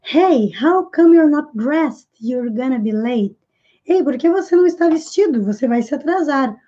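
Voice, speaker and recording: Woman, Brazilian Portuguese accent, English teacher, high pitch, didactic, repeats phrases slowly, slightly muffled audio. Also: expressive, dark tone. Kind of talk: language lesson.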